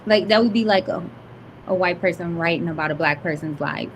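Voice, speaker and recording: A young woman from Detroit, an author appearing as a podcast guest, chats casually in a high-pitched, light voice. She talks a little fast in a laid-back, giggly manner, sprinkling in plenty of "like" and "um." A faint hiss sits beneath the recording.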